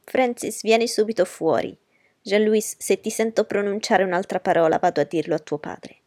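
A woman's voice: mid-range voice, moderate pace, darkish tone, dry recording, studio quality, natural voice. A woman voicing a strict middle-aged aunt who scolds the children in a storybook reading. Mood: stern. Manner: stern, reproving.

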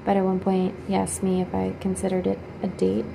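Halting woman with a flat, gravelly voice. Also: mid-range voice, noisy background. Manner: hesitant and halting, with many pauses and fillers; quiet, subdued recounting. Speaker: video creator. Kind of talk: personal storytelling.

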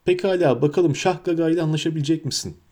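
Hagrid, a man doing a booming kindly giant. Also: quick pace, warm tone, lightly acted. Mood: hearty. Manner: booming, hearty. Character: huge cheerful male gamekeeper, kindly and clumsy.

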